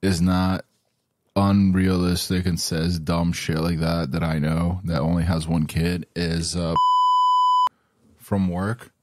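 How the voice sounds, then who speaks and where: A man's voice: low-pitched, level tone, slow pace, darkish tone. A man in his thirties co-hosting a casual podcast chat about parenting, laid-back and swearing freely. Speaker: podcast co-host.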